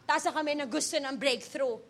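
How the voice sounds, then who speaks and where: A young woman in her twenties delivers a lively sermon in a high, bright, sharp voice. She preaches with energy, jumping into sudden loud bursts, and tells stories with laughter and acted-out quotes. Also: brisk, a little hiss or hum. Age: 20s.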